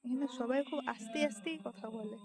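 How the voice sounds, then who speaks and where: Hushed Bengali woman vlogging outdoors. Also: a little high, brisk, a crowd in the background. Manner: soft hushed talk while walking. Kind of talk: casual vlog narration. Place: outdoor temple grounds.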